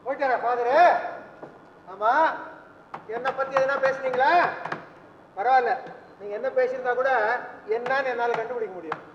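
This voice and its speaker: Cocky young son, high voice, brash and boastful, echoey old stage recording. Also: male voice, steady tone, moderate pace, pauses often, slight background noise. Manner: brash, boastful, mixing English words. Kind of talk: 1970s stage play. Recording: roomy hall, dull lo-fi old stage recording.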